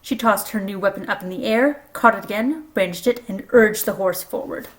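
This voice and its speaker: A woman reading a children's novel aloud, expressive and lively. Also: mid-range voice, fairly quick, low-quality recording. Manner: expressive, does voices for characters. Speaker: storybook reader.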